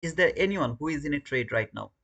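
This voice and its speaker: On a muffled recording, a Bangladeshi trading livestream host talks fast and expressively in a voice on the high side, creaky and husky yet fairly bright. He chats casually with viewers in Bangladeshi English, giving live trading commentary and repeating words often.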